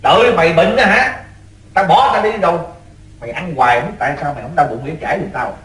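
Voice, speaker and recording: A man's voice: fairly high pitch, fast talker, fairly bright tone, lightly acted. An actor playing a fussy, kind-hearted middle-aged rural father in an old-style radio drama, with a Southern Vietnamese accent and a folksy, exclamatory way of ordering people about. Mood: exasperated. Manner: folksy, exclamatory, repeats himself when giving orders. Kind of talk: radio drama acting in the manner of an old radio show. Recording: roomy echo with music.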